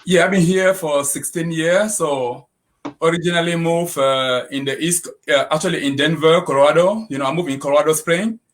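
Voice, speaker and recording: A man from Cameroon, a guest in a casual interview, talking in a relaxed way with frequent tag questions. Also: on the high side, moderate pace, a little hiss or hum. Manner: relaxed, frequent "you know", "right".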